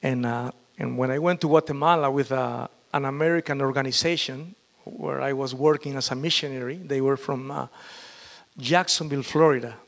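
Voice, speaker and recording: Pastor, halting delivery. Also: male voice, medium pitch, fairly even intonation, gravelly. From Peru. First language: Spanish. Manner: halting, with frequent fillers and restarts. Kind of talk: testimony sermon.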